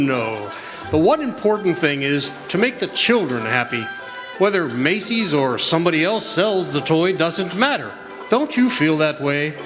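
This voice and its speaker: A man's voice: a little high, big pitch swings, unhurried. A man playing a kindly, jolly old Santa with a reassuring manner, acting in a radio drama. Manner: jovial, chuckling, gently reassuring. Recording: echoey hall stage, music behind.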